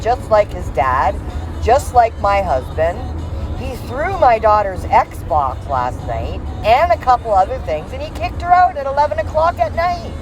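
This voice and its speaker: Middle-aged woman ranting angrily, animated pitch. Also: rough recording. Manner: venting, exasperated, ranting. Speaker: vlogger. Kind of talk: angry ranting vlog while driving. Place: inside a moving car. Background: background music playing.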